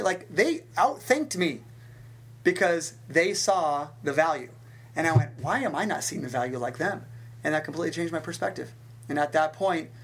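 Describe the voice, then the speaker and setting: A man with a fairly high voice tells stories as a guest in a relaxed interview. He is animated, and his voice jumps up and down in pitch as he goes. He often restarts his sentences mid-thought. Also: slight background noise. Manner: animated storyteller with big pitch swings and quick restarts. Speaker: fitness instructor and guest. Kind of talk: storytelling in a conversational interview.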